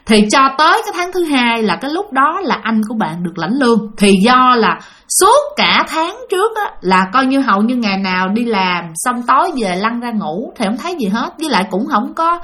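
A woman's voice: fairly high pitch, sing-song, normal speed, a bit bright. Chatty woman telling a ghost story. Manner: chatty, addresses listeners directly. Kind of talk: casual spoken ghost story narration.

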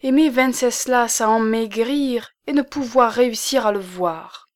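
A woman's voice: a little high, unhurried, pitched above the performer's own voice, close to an everyday voice. A woman voicing a young coquettish married woman with a pleading, sighing lilt. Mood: yearning.

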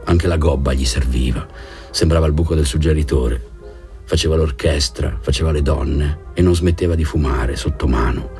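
A man reading a novel aloud in a calm, measured narration. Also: very deep voice, gravelly. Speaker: audiobook reader. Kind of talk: scripted narration.

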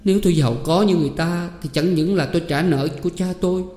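A man's voice: a little high, brisk, mellow, voice pushed up, lightly acted. A man doing a tearful, pleading young daughter. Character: poor grieving young daughter, humble and pleading. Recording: roomy hall with long reverb.

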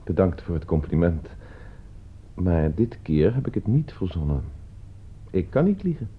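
In a radio play, an actor voices Loimu, a cool, self-assured, precise man who proves his point and then becomes rattled. His voice sits low and is very animated, slightly rough and exaggerated, at a measured pace. The recording is dull lo-fi.

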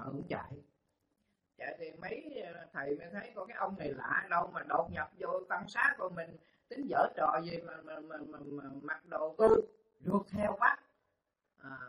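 High-voiced monk telling parables. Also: male voice, bright, forceful tone. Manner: folksy, repetitive, hesitant with fillers. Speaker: Buddhist monk teacher. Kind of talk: storytelling dharma talk. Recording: roomy, dull lo-fi recording.

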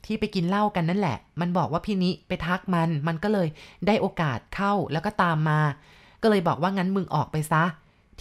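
A woman with a fairly low voice tells a ghost story as casual spoken storytelling. She talks in a chatty, conversational way, pausing often to explain details as she goes. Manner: chatty, adds explanatory asides and polite particles.

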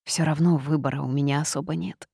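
A woman's voice: low voice, fairly even intonation, quick pace, gravelly, dark tone, slightly rough, dry recording, clean studio sound. Wry woman narrating a story. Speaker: audiobook narrator. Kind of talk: first-person storybook narration.

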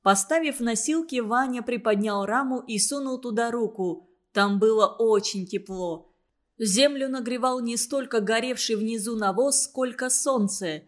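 A woman narrating a children's story in an even, measured reading voice. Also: a little high.

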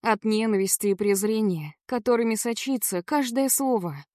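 A woman's voice: fairly high pitch, lively intonation, moderate pace, darkish tone, dry recording, studio quality. A woman narrating a first-person audiobook in a dramatic, tense storytelling manner.

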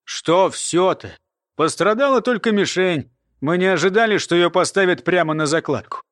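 A man voicing a calm, cunning colonel who talks slowly and matter-of-factly. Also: high-pitched, dry recording, clean studio sound. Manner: unhurried, matter-of-fact.

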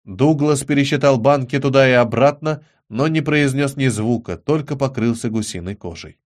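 A man narrating an audiobook in an expressive, measured reading. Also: mid-range voice.

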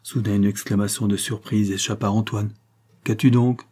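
A man narrating a novel in a low, dark, husky voice. He tells the story in a measured, steady reading, paced for an audiobook. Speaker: audiobook reader.

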